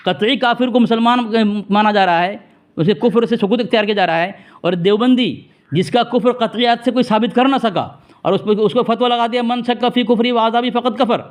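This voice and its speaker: A man in a theological debate over a phone call, insistently pressing his opponent for answers while staying formally respectful. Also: high voice. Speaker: religious debater.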